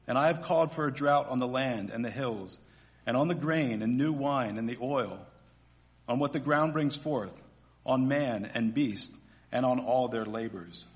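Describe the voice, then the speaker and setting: Male preacher at a pulpit microphone; earnest, measured sermon delivery. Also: medium pitch. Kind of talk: sermon with scripture reading and prayer.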